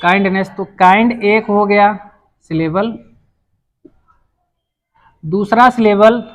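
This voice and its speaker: Speaking slowly in a high voice, a man gives a whiteboard lesson on English grammar, explaining with patience and repeating himself. He frequently starts phrases over as he writes, and the recording is rough.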